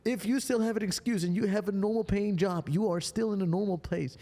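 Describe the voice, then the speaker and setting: A Dutch podcast host talks in a high, slightly fast, dark-toned male voice, drenched in long reverb. He's emphatic and fired up, swearing for emphasis through a hyped motivational chat.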